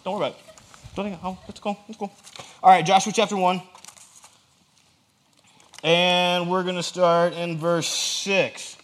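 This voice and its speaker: A man preaching a casual, lively sermon in a church, joking with the congregation. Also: high voice, a little slow, long pauses. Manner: animated, joking asides to the audience.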